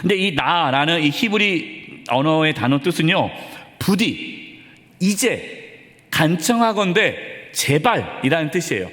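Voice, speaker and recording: A man's voice: a little high, sing-song, slow, a bit bright. A male pastor preaching a sermon in an earnest, conversational way, acting out short asides. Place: church sanctuary. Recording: long reverb of a church hall.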